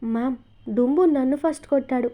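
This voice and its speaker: A woman's voice: sits high, fairly quick, narrow, tinny audio, natural voice. A woman voicing a tearful, innocent young schoolgirl in a storybook reading, with a pleading tone. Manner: sobbing, pleading tone.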